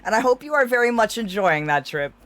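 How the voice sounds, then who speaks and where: Giggly, theatrical woman livestreamer with lively pitch. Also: fairly quick. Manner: affectionate, addresses listeners as darlings. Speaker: livestream host. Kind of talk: casual livestream chat, in character as a fae.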